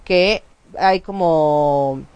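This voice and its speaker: A woman co-hosts a casual talk show with a slightly low voice. She explains things in an animated way, restarting her sentences and piling up asides as she goes. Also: very slow, dull audio. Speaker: co-host. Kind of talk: casual chat.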